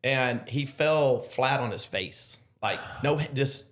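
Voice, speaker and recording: A man's voice: medium pitch, slow. A middle-aged man, a podcast guest telling a story casually, acting out quotes with lots of fillers. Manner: animated storyteller, acts out quotes, many fillers. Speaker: podcast guest, loan officer.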